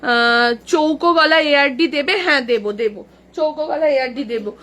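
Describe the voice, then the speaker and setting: A woman running a live clothing sale, briskly calling out prices over and over and chatting with helpers and viewers through an earbud mic. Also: high-pitched, fairly bright tone. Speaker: boutique owner selling clothes live. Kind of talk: live sales patter.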